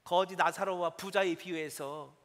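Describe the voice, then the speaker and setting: A middle-aged male pastor preaching a sermon with strong emotion, dropping to hushed tones and then rising to near shouts. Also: sits high, steady tone, moderate pace. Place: church sanctuary. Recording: long church hall reverb.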